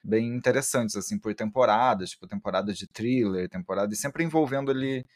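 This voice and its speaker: A man chatting as an interview guest, talking in halting bursts with many restarts and describing himself as shy. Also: lowish voice, dry recording, studio quality. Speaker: interview guest, book content creator. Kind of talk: casual interview chat.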